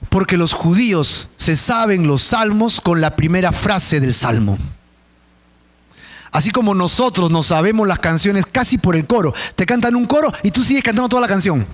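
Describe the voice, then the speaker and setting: A man's voice: sits high, animated, moderate pace. A man, preaching a Bible study sermon and telling the scene as a vivid, dramatic story. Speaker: pastor.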